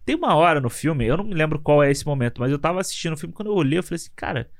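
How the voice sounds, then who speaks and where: A man's voice: fairly high pitch, animated, very fast, dry recording, clean studio sound. A man chatting casually about films in an emphatic, slangy way, often checking in with his listener. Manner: emphatic, slangy, keeps asking "sabe?". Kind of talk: casual film discussion.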